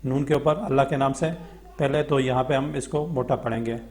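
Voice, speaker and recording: A Pakistani man teaching Quran reading, spelling words out syllable by syllable in a slow chant and then explaining the rules quickly in Urdu-accented speech. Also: medium pitch, fairly even intonation, a little mellow.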